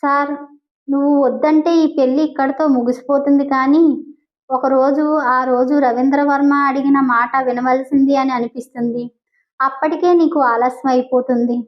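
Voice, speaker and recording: A grave older businessman and father figure in an audio story, voiced by a woman reader in a high voice. He speaks in measured appeals, and the recording sounds dull and lo-fi. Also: steady tone, close to an everyday voice. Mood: earnest. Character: stern elderly businessman, guardian figure.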